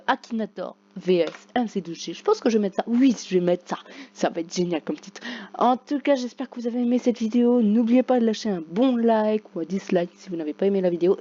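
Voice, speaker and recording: A woman commenting casually on a game, reading its questions aloud and joking, with sudden loud outbursts. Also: medium pitch. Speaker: gaming YouTuber. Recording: dull lo-fi recording with faint hum.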